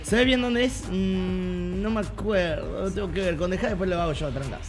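A young Argentine man streaming a game live, chatting in slang, repeating himself and breaking into sudden loud outbursts. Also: high-pitched, moderate pace, over music. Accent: Argentine Spanish. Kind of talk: live gameplay streaming chat.

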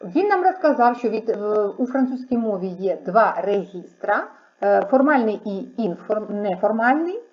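A woman's voice: medium pitch, big pitch swings, moderate pace. A woman teaching French, explaining patiently and repeating each word so students can follow. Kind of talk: online language lesson. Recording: dull lo-fi sound.

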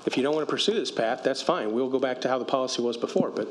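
At a council meeting, a middle-aged county official with a medium-pitched voice speaks into a desk microphone in the chamber, with slight background noise. He talks quickly and firmly in the debate, explaining and defending an agreement.

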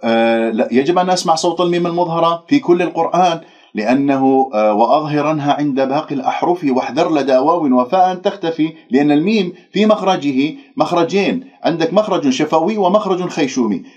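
A male recitation teacher who corrects pronunciation, drawing out single syllables slowly and then explaining the rules briskly. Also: fairly high pitch, darkish tone. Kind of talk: pronunciation lesson. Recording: dull lo-fi recording.

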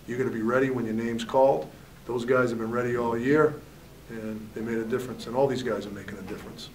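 At a postgame press conference, a head hockey coach in his forties answers questions candidly, often saying "you know." His medium-pitched voice comes from a table mic at a distance in a press room with a backdrop, and the recording quality is low.

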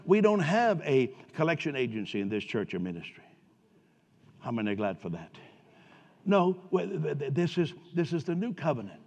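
A man's voice: a little high, very animated, normal speed, gravelly. Preaching man in a reverberant church hall. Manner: conversational preaching that rises to loud emphatic peaks. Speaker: pastor. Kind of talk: sermon. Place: church sanctuary. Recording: distant hall reverb, dull sound.

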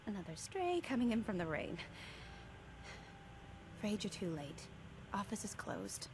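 An actress playing a weary, worried and loyal detective's secretary in a video game, earnest and downcast. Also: female voice, mid-range voice, big pitch swings, measured pace, noisy background. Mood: weary, apologetic. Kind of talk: dramatic video game dialogue.

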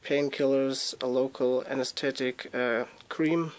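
A young man explaining things in a casual handheld phone vlog, with measured, precise and rather formal wording. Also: mid-range voice, steady tone. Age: young adult.

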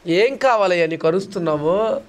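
Guy preaching a sermon in a high voice, acts out the story, gets loud then drops soft. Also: expressive, a little fast, clean tone. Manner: dramatic, acts out voices of beggars and crowds, rhetorical questions; swings between loud high declaiming and soft low asides.

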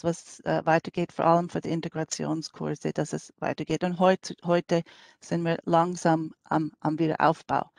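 Speaking halting German at an online conference, a middle-aged American woman who directs a language school hesitates often and leans on fillers and non-native phrasing. She's from New York City, and her lowish voice is gravelly and a little mellow, with no echo.

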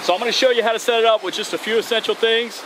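His extremely high-pitched, fairly bright voice races along in a steady tone, and the audio quality is poor. He's a fishing channel host in his thirties on a bridge over open water, upbeat and casual while tying knots, with wind and waves behind him.

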